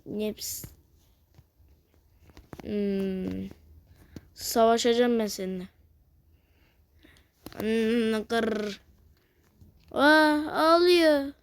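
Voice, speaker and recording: A woman giving casual let's-play commentary, cursing, teasing and reacting loudly to the game. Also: a little high, drawn-out words, long pauses, a little hiss or hum. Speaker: gamer playing a video game.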